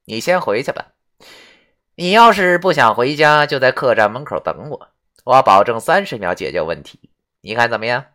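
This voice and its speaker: Woman playing an old male ghost, lecherous, rowdy, blustering, low voice, wild swings, audio drama. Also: very animated, normal speed, full character voice. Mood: wheedling. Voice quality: swaggering, foul-mouthed, loud bluster.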